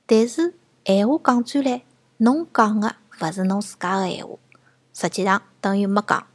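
Lady doing a calm wise duck for a kids story, shanghai accent, slightly husky. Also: mid-range voice, normal speed, no room sound, close to an everyday voice. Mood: calm, reasoning. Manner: gentle, reasoning. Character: calm, good-humoured wise wild duck. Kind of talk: children's storybook character. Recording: music bed behind the voice.

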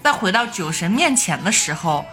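Bright lively woman telling myths. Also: on the low side, normal speed, soft background music. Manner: lively, laughs often, acts out quoted gods. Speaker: podcast host telling myths. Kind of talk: casual storytelling chat.

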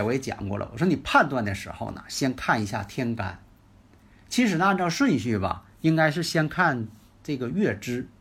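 A man's voice: mid-range voice, husky. A man hosting a radio lecture in a chatty style, asking rhetorical questions and using many filler particles. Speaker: radio host and lecturer on the five elements.

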